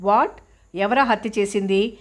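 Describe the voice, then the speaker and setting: A woman's voice: medium pitch, measured pace, lightly acted. A woman reading the part of a stern male public prosecutor who questions with pointed sarcasm. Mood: probing.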